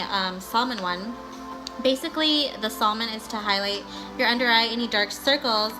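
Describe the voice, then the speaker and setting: Music plays clearly behind a woman with a fairly high voice. She talks like a beauty vlogger walking viewers through a tutorial, casual and chatty. Her manner is bubbly and gushing, with playful sing-song touches. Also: rough recording. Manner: bubbly and gushing, with valley-girl style "like" and "guys"; playful, breaks into sing-song bits and exclamations.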